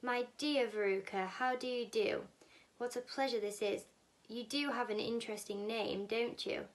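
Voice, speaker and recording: A woman voicing an eccentric, effusive little gentleman who owns a factory, gushing and courteous, in a storybook reading. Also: fairly high pitch, steady tone, normal speed, close to an everyday voice. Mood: gushing, delighted.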